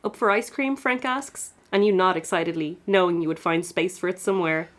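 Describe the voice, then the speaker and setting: A woman's voice: lowish voice, fairly quick. A young woman co-hosting a podcast, reading her teenage fanfic aloud with frequent giggles and self-mocking asides. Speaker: guest co-host reading her old fanfic.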